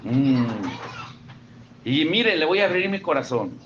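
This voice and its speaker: A man's voice: a little high, animated, slow pace, a bit bright, highs cut off, a little hiss or hum. A middle-aged man with a Mexican accent, a pastor giving a conversational sermon and asking his congregation questions. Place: church service.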